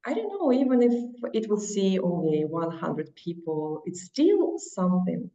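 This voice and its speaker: A Russian-accented woman, not a native speaker, gives casual interview answers in an earnest, encouraging manner. Her voice is mellow and on the low side, measured in pace, with big pitch swings, captured in an echoey, distant, dull lo-fi recording.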